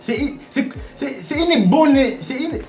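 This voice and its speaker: A man's voice: very high voice, animated, slow pace, roomy sound, full character voice. A man voicing a boastful young male student abroad, rambling and stammering.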